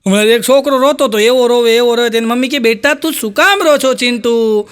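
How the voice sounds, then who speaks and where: A man telling stand-up jokes, acting out the characters' lines in a higher voice. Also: fairly quick, smooth. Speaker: stand-up comedian.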